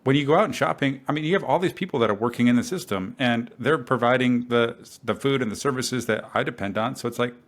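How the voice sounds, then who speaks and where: A man's voice: medium pitch, fast, hardly any pauses. A man co-hosting a podcast, chatting casually and thinking aloud in a reflective way with plenty of fillers. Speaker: podcast co-host. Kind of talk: casual chat.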